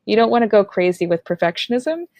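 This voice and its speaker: A woman's voice: medium pitch, expressive, fast, a little mellow, no room sound. Upbeat woman teaching public speaking. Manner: clear, upbeat instructional delivery. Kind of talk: online lesson.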